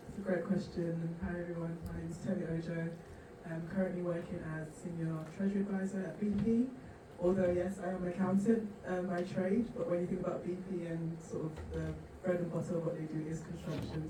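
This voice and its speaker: Woman, from Nigeria, panelist, conversational with fillers, distant echoey hall, noise. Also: on the low side. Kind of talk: conference panel answer. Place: large conference hall. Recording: echoey hall from far off, noisy.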